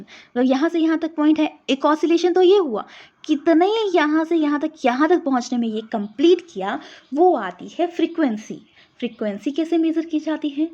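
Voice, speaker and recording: A woman teacher with a high but mellow voice explains physics step by step for exam prep. She keeps checking that students follow her, mixing into her explanations. The recording sounds dull and lo-fi.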